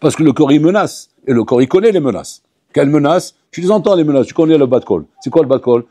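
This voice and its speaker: A rabbi teaches a Torah class to his students, speaking to them directly and acting out short exchanges. His voice sits a little high for a man but sounds dark and husky. The recording is dry, with no room around it. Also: quick pace, no room sound. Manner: lively, acts out little dialogues and addresses students directly. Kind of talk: animated Torah lesson. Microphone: audio recording of a class.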